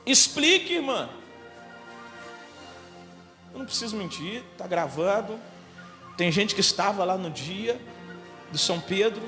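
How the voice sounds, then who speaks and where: Um pastor brasileiro de voz aguda e viva. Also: male voice, sits high, a little slow, long pauses, big-room sound, faint music behind. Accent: Brazilian Portuguese. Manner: emphatic and animated, builds to shouting. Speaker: pastor, church leader. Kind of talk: sermon told as a personal story. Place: church hall.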